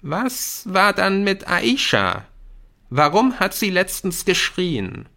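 A male audiobook narrator voices an anxious, earnest schoolboy begging and pushing his friend, pitched far above his own voice with wild, swooping swings. It is a full, bright, forceful character voice with vocal fry, delivered slowly and sounding urgent, worried and insistent the whole way through.

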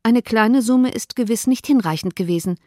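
A woman voicing a quick-witted young woman in an audiobook, pressing and earnest. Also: fairly high pitch, warm tone, no echo, studio quality, voice pushed up, close to an everyday voice. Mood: urgent. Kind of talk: audiobook reading.

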